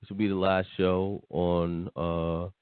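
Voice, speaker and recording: Male podcast co-host, blunt, repetitive, lowish voice, dry tinny phone line. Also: little pitch movement, takes it slowly, clear, resonant tone, no echo. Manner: blunt, dismissive, repeats himself. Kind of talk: casual opinion chat.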